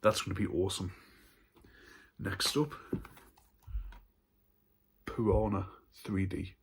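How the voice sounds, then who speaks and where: A man's voice: low-pitched, fairly even intonation, slow, creaky, slight background noise. A man hosting a casual haul vlog about horror films, chatty and stumbling over his words at times. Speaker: horror film channel host.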